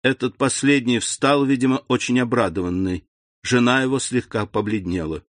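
A man reading a classic novel aloud in a measured way, raising his voice for the characters. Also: medium pitch, no room sound. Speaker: audiobook reader. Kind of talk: scripted literary narration.

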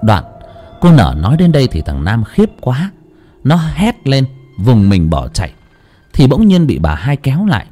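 A man tells a village horror story with dramatic relish. His voice is dark and husky, swooping widely in pitch. Soft music plays beneath him. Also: huge pitch swings, normal speed. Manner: dramatic, lurid.

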